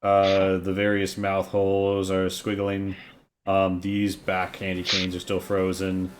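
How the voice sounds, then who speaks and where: A man with a fairly low voice runs a tabletop game. He narrates casually and informally as game master, with music clearly behind him. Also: completely flat delivery, takes it slowly, background noise. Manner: profane, informal.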